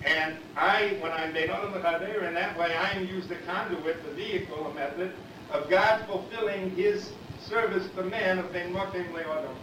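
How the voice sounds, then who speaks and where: A man's voice: high-pitched, moderate pace. Man teaching Torah in an echoey, distant recording. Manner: explanatory, rhetorical questions, frequent "we'll say" and "I mean". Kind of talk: Torah lecture on Psalms. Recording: echoey, distant, dull and noisy.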